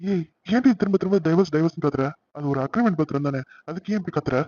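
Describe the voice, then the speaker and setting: A man voicing a young husband in an animated series, talking brusquely and dismissively and fumbling for excuses. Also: a little high, fast, highs cut off. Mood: gruff. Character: young husband, gruff and evasive.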